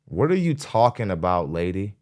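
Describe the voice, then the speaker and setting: A man's voice: low-pitched, sing-song, moderate pace, a little mellow. A man hosting a podcast, giving live reaction commentary in a blunt, mocking, preachy way. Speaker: podcast host. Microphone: studio microphone.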